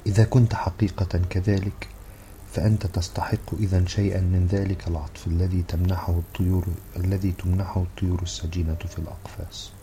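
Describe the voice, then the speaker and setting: A playful young woman teasing her admirer, read by a man with a deep voice. The tone stays low and very dark, with faint music behind the storybook reading. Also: flat delivery, fast talker. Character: teasing young Frenchwoman, amused.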